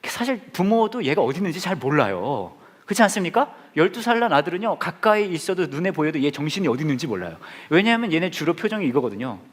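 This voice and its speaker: A man's voice: on the high side, sing-song, fast talker, few pauses. A man in his forties preaching a playful sermon, joking and acting out scenes with his congregation.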